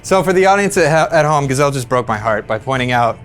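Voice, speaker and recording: A man's voice: medium pitch, animated, quick pace, fairly bright tone, faint music behind. A man playing a tabletop miniatures game, chatting casually and reacting dramatically to the dice. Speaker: player.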